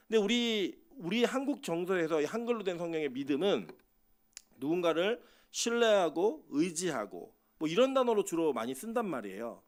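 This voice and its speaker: A male pastor preaching a sermon at a midweek church service, talking conversationally and telling humorous stories with acted-out dialogue. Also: high-pitched.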